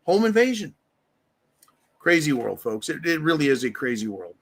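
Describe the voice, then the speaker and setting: In casual live-stream commentary, the male host rants bluntly with heavy profanity, imitating the people he quotes. His voice sits on the high side, sing-song, at a moderate pace.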